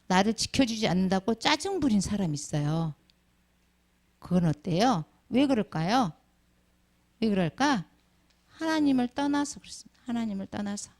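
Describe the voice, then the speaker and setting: Questioning woman teaching children, gravelly voice. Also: mid-range voice, a little mellow. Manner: calls on children by name and asks many questions. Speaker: Sunday school teacher. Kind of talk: children's sermon with questions to the class.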